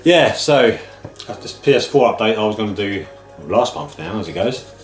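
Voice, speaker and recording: He's a middle-aged British vlogger who runs a video game pick-ups channel, rambling informally to camera at a moderate pace. Man flu has given his lowish voice a bunged-up, slightly nasal quality, though he stays animated. The recording sounds very roomy and echoey, with music running underneath.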